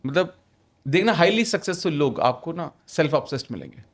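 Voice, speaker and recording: Fairly quick and very animated, his slightly high voice carries a relaxed podcast chat. The guest, who writes about manifestation, is emphatic, repeats phrases to drive points home, and often moves into English.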